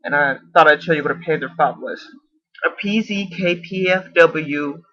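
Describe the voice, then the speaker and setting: A man's voice: on the high side, normal speed. A man in a casual video response, explaining at length, often correcting himself and unsure of details. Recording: dull lo-fi camera audio.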